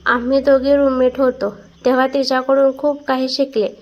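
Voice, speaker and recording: A woman reading a story aloud and voicing a calm, firm, kind young woman. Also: high voice, moderate pace, muffled recording, natural voice. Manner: calm, then sharp.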